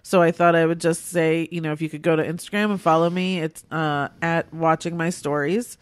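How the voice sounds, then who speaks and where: A sick woman co-hosts a casual podcast, her voice nasal and congested as she rambles chattily through movie reviews and laughs often. She's low-pitched with a steady tone, talks fairly quickly, and the recording has no room sound.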